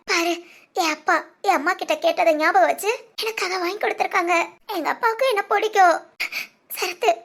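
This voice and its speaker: A woman's voice: extremely high pitch, a bit bright. A woman voicing a tender, tearful young woman in a cartoon family drama, her voice breaking between laughter and crying.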